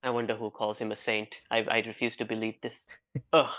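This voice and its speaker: A man's voice: on the low side, flat delivery, brisk, a bit bright, dull audio, a little hiss or hum. A man giving casual, playful commentary while streaming a game. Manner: playful, chatty.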